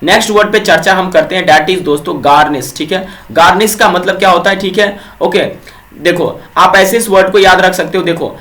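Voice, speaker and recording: A man's voice: sits high, fairly even intonation, fairly quick, a bit bright. A young man from Bihar teaching English vocabulary for an exam, who keeps asking his viewers questions and answering them himself. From Bihar, India. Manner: repeats quiz questions to viewers, fills with "ठीक है". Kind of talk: exam-prep vocabulary lesson.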